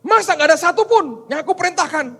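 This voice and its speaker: A bossy old God, as a preacher puts him on barks out brisk commands. The voice sits high and swings widely in pitch. He repeats short words in quick bursts. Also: animated, a bit bright, long reverb tail, full character voice. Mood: urgent. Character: God, booming and bossy, an old male ruler.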